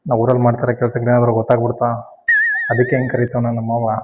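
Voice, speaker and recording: A young man talking quickly in casual, evasive banter. His pitch sits in the middle. A little music plays behind him. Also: monotone, in a large hall, muffled recording. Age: young adult. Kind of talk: village comedy short-film acting.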